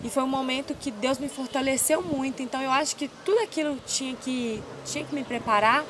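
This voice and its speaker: A Brazilian woman in her twenties, an MMA fighter, tells her story in a casual interview, emotional, devout, and animated as she recounts it. Her voice is high-pitched and fairly quick, with background noise behind her.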